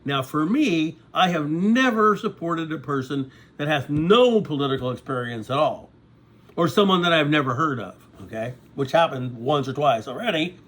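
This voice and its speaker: This vlogger is a man in his sixties, talking to his audience in a loose, rambling monologue and often checking in with a repeated "okay?". He speaks at a normal speed in a highish, expressive voice with a fairly bright tone.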